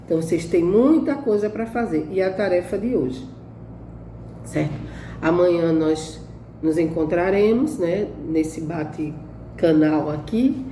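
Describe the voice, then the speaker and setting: A woman's voice: lowish voice, expressive, unhurried, warm tone, a little hiss or hum. A woman teacher, fondly reminding her pupils of their tasks as she wraps up class. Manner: affectionate, reminding. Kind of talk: class wrap-up addressed to pupils. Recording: echoey, distant room recording.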